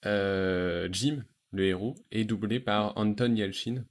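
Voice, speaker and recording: A man hosting a relaxed podcast conversation, talking enthusiastically about animated series with frequent fillers and restarts. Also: on the low side, slow. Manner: enthusiastic, hesitant with many fillers. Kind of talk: casual chat.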